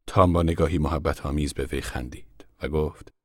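A man reading a novel aloud as an audiobook narrator in a measured, even way. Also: extremely low pitch, husky, no room sound, clean studio sound. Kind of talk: scripted narration.

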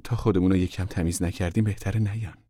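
A man reading an audiobook, voicing a wary, proud migrant mother in a soft, guarded voice. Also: low voice, fairly even intonation, dry recording. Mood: guarded warmth. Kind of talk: audiobook character voice.

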